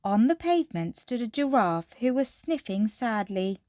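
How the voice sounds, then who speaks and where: A woman reading a children's storybook aloud in an expressive, measured fairy tale opening manner. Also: on the high side, no room sound, studio quality.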